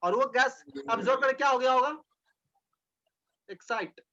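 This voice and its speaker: A man's voice: extremely high pitch, moderate pace, sharp tone, lo-fi sound. A male teacher giving a classroom lecture, explaining step by step, repeating points and speaking directly to his students.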